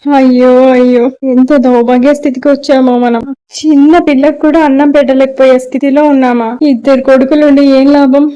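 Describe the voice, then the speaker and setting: High, mellow Telugu woman pleading. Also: level tone, brisk, smooth, lo-fi sound. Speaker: voice actor for the mother-in-law. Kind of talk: cartoon story voice acting.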